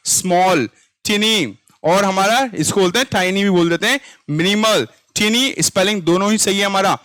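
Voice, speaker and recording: In an online exam-prep class, this Indian-accented man goes over English vocabulary, chatty and asking his students the same questions again. His voice is high-pitched and fairly bright, and the recording is dry.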